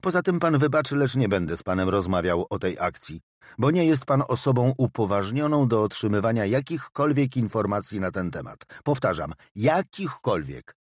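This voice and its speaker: A man's voice: lowish voice, sing-song, a little fast, no room sound, studio quality, voice pushed up. A man doing a stiff officious prosecutor. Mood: curt, officious. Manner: formal, clipped, dismissive. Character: stiff, officious male prosecutor, guarded and curt.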